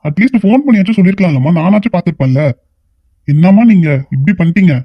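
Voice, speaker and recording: Man doing a cartoon shoot manager, rapid scolding questions, high-ish voice, dull lo-fi sound. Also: lively intonation, no echo. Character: stern male film-shoot manager, adult, quick-tempered. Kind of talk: Tamil animated short voice acting.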